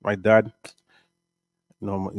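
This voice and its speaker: A middle-aged man with a Guyanese accent answers interview questions in a relaxed, meandering way, punctuating thoughts with "right?" and "um." His voice sits on the low side and sounds dry and close to the mic. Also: takes it slowly, no room sound. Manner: relaxed, rambling, frequent "right?" and "um". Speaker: music artist and producer.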